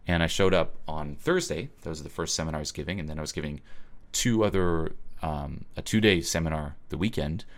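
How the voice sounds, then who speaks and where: A man's voice: rumbling low, a little fast. A man from Switzerland giving a blunt, emphatic motivational webinar talk, swearing freely and often checking in with "okay?".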